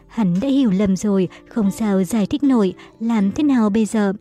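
A woman voicing a gentle young man, calm and explaining, later sorrowful. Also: medium pitch, moderate pace, faint music behind, close to an everyday voice. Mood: dejected. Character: gentle apologetic elder brother-in-law, young man.

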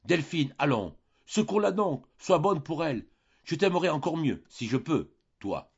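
A man's voice: sing-song, a little slow, slightly rough, dull audio, heavily acted. A man reading an audiobook, voicing a grieving old father who pleads in a strained, rising voice. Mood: anguished. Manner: pleading, breaking into higher pitch.

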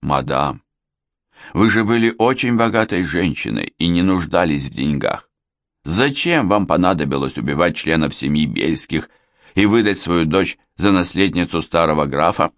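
Brief: courteous, probing lawyer, voiced by a male narrator, low and lively, dry booth. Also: normal speed, no room sound. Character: polite shrewd lawyer, middle-aged man.

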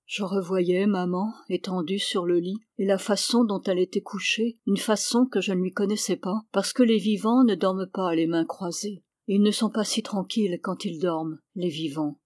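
A woman narrating a literary novel as an audiobook, in a measured, clear reading. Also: medium pitch, steady tone, darkish tone, no echo, studio quality. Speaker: audiobook reader.

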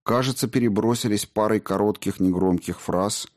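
A man reading an audiobook as narrator, in a steady, measured way. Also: on the low side. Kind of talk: scripted narration.

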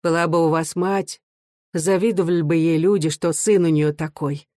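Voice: mid-range voice, fairly even intonation, normal speed, darkish tone, no echo, clean studio sound, close to an everyday voice. Reader voicing an aching older mother. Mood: affectionate. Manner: earnest, confiding. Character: kind weary older mother, pouring her heart out.

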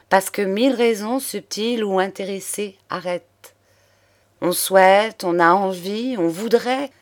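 Woman reading a classic novel aloud, measured, expressive, middle pitch. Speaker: audiobook narrator. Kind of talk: scripted narration of a novel.

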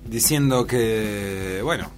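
A man's voice: on the low side, slow pace. A man hosting a casual radio discussion and prompting his guests. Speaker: radio host. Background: music.

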